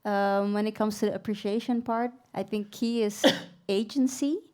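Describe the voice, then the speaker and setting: On an event venue stage, a singer who grew up in the Netherlands joins a live panel discussion, her medium-pitched voice warm and smooth, at normal speed with fairly even intonation. She reflects as she goes, hesitating and filling pauses with many fillers and laughs.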